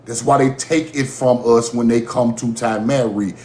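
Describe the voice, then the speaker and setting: At a moderate pace and medium pitch, a livestream host from Mississippi lets loose with an animated, profane monologue, breaking into laughter along the way. The recording is reverberant.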